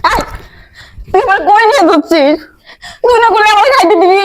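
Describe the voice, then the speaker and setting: A woman playing a shrill, childlike hungry madwoman. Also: lively intonation, fairly quick. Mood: pleading. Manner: begging insistently.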